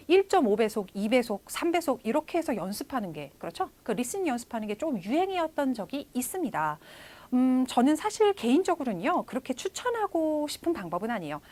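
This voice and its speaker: A woman in her thirties delivers an online test-prep lecture in a fairly high voice. Her pitch rises and falls a lot as she talks to her viewers directly. She opens many phrases with a drawn-out "so". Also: darkish tone. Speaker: English test instructor.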